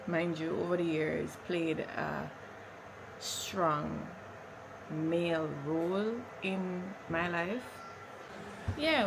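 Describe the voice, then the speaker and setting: A woman's voice: lowish voice, background noise. A woman with a Jamaican accent chatting casually as a lifestyle vlogger, informal and slipping into Patois. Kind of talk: casual chatty vlog talk.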